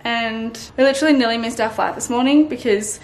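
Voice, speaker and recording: A woman's voice: a little high, a little fast, roomy sound, noisy background. A young woman, telling stories in a chatty, giggly vlog style with lots of "like". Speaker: vlogger. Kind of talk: casual vlog chat.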